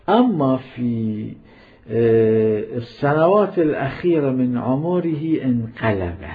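A man giving a religious lecture, emphatic and repetitive, swinging between loud stress and hushed asides. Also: medium pitch, vocal fry. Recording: tinny phone-like lo-fi recording.

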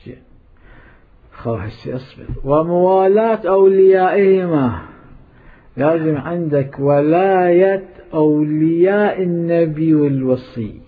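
Iraqi guy preaching, scolds and repeats himself, raspy voice, sounds like a phone line. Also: a little high, unhurried. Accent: Iraqi Arabic. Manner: emphatic, scolding, repeats points. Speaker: cleric. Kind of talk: sermon.

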